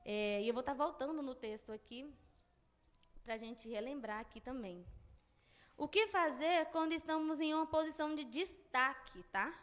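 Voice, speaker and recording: High-voiced woman preaching in a hall. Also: normal speed, a bit bright. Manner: conversational, questions to the congregation. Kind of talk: sermon. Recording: long hall reverb.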